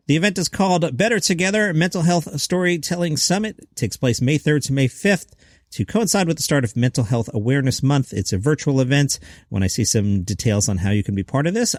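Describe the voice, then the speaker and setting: A man with a slightly high voice hosts a scripted comedy news show, recorded close and dry. He reads items and quotes in a chatty way, dropping wry asides and rhetorical questions. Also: no echo.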